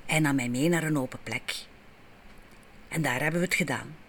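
A woman's voice: low-pitched, moderate pace, a bit bright, a little hiss or hum. A woman with a Flemish accent narrating a story in the first person, in a frank, wry and intimate way. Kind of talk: audiobook narration.

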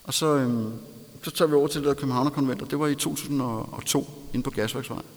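A man's voice: medium pitch, steady tone. Danish-accented guy telling his story, self-mocking, laughs a lot, big echoey hall. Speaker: storyteller recounting recovery. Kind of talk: personal storytelling talk. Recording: long hall reverb.

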